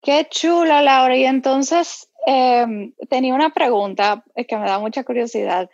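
A woman's voice: high voice, moderate pace, darkish tone, dry recording. Curious woman interviewer, slightly dull sound. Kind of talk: casual interview.

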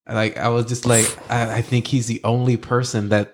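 A man's voice: mid-range voice, little pitch movement, moderate pace. A man chatting as a podcast guest, an easygoing storyteller who leans on "like" and "you know". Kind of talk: casual chat.

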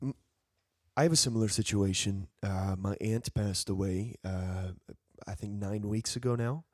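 Low, hesitant podcast host. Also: male voice, normal speed, dry recording, clean studio sound. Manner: thoughtful, hesitant, many ums and uhs. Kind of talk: casual podcast chat.

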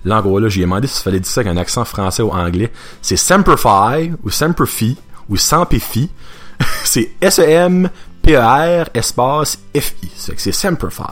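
A man's voice: fairly low pitch, fairly quick. Chatty radio host man. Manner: chatty, mixes in English words and slang. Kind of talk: casual radio chat introducing songs.

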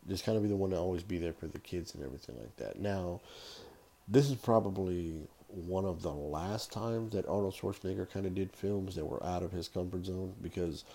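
A middle-aged man hosting a podcast, chatting casually about movies in a rambling, halting way. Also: sits low, creaky, dark tone. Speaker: podcast host. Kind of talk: casual solo movie-review chat.

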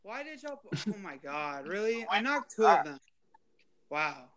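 A man's voice: sits high, big pitch swings, unhurried, a crowd in the background. A man chatting casually and exclaiming in slangy speech while playing an online game. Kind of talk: casual gaming voice chat. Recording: faint noise, keyboard clicks.

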